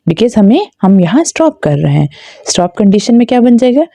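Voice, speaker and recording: A woman teaching recitation, dragging out each syllable before switching to quick explanations sprinkled with English. Her voice is mellow and warm, never bright. It sounds dry and close, with no room around it. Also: mid-range voice, very animated, no echo. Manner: spells syllables slowly and stretches them, then explains quickly. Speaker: Quran reading teacher. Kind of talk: spelled-out recitation lesson.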